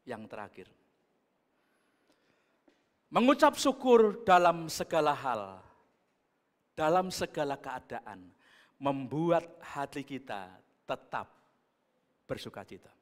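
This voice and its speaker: A man, a pastor, preaching a sermon. He moves between booming exhortation and quiet, chatty asides. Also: big pitch swings, takes it slowly, long pauses. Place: church hall. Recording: long church reverb.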